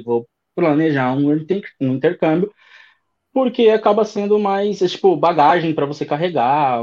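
A man in his thirties with a São Paulo accent, telling his story as an interview guest in a relaxed, rambling way. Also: on the high side, muffled recording. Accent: São Paulo Brazilian Portuguese. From Brazil. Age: 30s. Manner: relaxed storytelling with many fillers. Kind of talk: casual interview chat.

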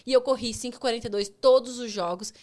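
A woman's voice: on the high side, fast, darkish tone. Brazilian woman on a podcast, telling stories, lots of laughing, acts out the dialogue. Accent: Brazilian Portuguese. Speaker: podcast guest, former tennis player. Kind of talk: casual storytelling chat.

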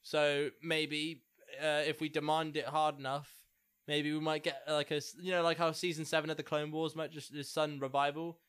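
A man's voice: fairly high pitch, level tone, normal speed, few pauses, fairly bright tone, clear, resonant tone. A man co-hosting a casual podcast, rambling and hesitant with many fillers. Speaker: podcast co-host.

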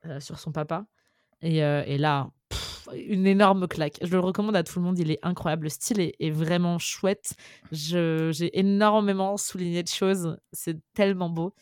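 A woman's voice: fairly low pitch, fairly even intonation, normal speed, a little mellow, clear, resonant tone, no room sound. A woman co-hosting a casual book podcast, talking animatedly with lots of fillers and restarts. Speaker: podcast co-host. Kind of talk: casual chat about books.

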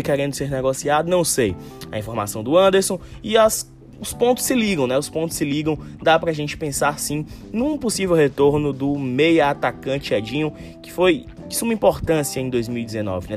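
A man with a northeastern Brazilian accent from Ceará and a tongue-tied lisp with slushy s sounds, hosting a casual solo football news podcast and talking directly to listeners. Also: on the high side. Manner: informal, addresses listeners directly, frequent tag questions. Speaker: sports podcast host. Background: music.

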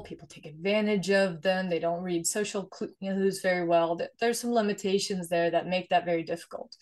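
A woman in her forties, originally from Sweden, speaks in a somewhat low voice. She explains things earnestly and conversationally, often tagging her points with "right?". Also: a little mellow. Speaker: guest, investor and nonprofit founder. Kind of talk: conversational interview.

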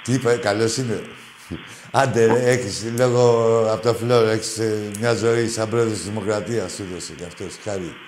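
A man hosting a call-in show, joking crudely with callers, swinging between loud mocking outbursts and low mutters. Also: steady tone, a little hiss or hum. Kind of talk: crude casual call-in banter.

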